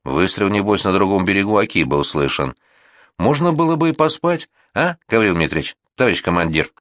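A scrawny, easily offended gunman whines and complains, as a male reader puts him on. His voice is low yet jumps up in pitch, recorded dry and close. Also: lively intonation, brisk, a bit bright, no echo. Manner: whining, offended. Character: whiny petty male anarchist gunman.

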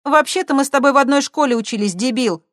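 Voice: medium pitch, fairly even intonation, extremely slow, a little mellow, no room sound, studio quality, pitched above the performer's own voice. A narrator voicing a feisty young woman with a blunt, snappy, exasperated way of talking.

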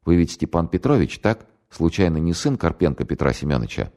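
A man's voice: sits low, big pitch swings, fairly quick, mellow. A man doing a polite, sheepish phone caller. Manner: courteous, apologetic. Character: polite, slightly embarrassed middle-aged male caller.

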